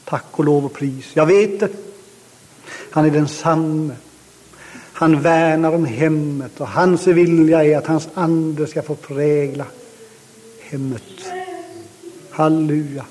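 A man's voice: fairly high pitch, fairly even intonation, pauses often, a little mellow, in a large hall, rough recording. A man preaching a fervent sermon and prayer, calling out hallelujah often and climbing to emotional peaks.

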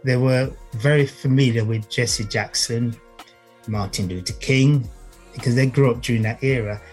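A man explaining as a knowledgeable guest, halting in phrases and repeating points for emphasis. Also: medium pitch, darkish tone, faint music behind. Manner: halting, emphatic repetition, checks with "right?" and "you see". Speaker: guest music author and historian. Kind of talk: explanatory conversation.

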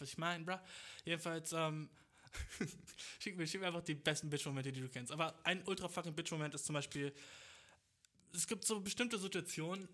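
A young man with a slightly raised pitch runs a casual comic monologue as a podcast host. He rambles from point to point, peppering his talk with English slang and swearing. He laughs at his own jokes along the way. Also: fairly bright tone. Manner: slangy, mixes in English swear words and bro/dude.

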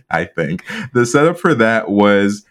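A man with a very low voice talks through a film in a relaxed podcast chat. He rambles with fillers and laughs easily. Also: slow pace. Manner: laid-back, laughs often, rambling with fillers. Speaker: podcast co-host. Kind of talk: casual movie discussion.

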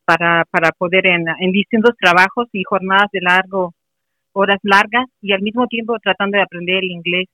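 A woman's voice: mid-range voice, fairly even intonation, fairly quick, pushed and bright, dry recording. A middle-aged woman from Mexico City, a guest in a casual interview, speaking earnestly and encouragingly. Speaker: interview guest, mother of a player. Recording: muffled, dry recording.

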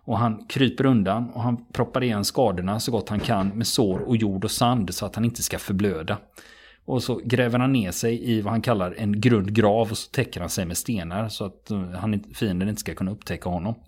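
A man retelling a true story in a relaxed podcast conversation, steady and matter-of-fact, with frequent small fillers. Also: on the low side, slightly rough.

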